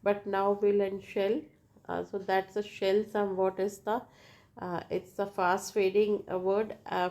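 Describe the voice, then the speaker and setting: Slow-paced Indian woman lecturing. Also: mid-range voice, warm tone. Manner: halting, repetitive, often checks with "right?". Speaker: linguistics teacher. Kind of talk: lecture explanation.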